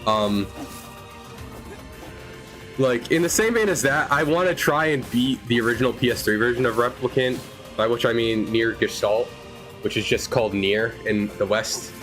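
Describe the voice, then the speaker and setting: Young man streaming a game, rambling casual chat, mid-pitched voice, faint game music behind. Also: moderate pace, fairly bright tone. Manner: rambling, chatty, self-correcting.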